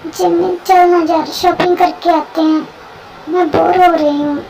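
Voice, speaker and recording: A high young voice plays a pushy, restless young woman friend in a homemade story, nagging loudly. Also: fairly even intonation, a little slow, poor audio.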